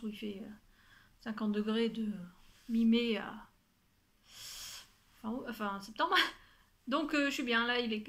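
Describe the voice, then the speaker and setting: A young woman with a fairly high voice chats casually to her viewers from home. She talks in a loose, friendly flow, full of fillers, restarts and asides to the listener. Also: fairly bright tone. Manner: chatty, many fillers and restarts, addresses listener directly. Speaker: knitting podcast host. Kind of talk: casual chat to camera.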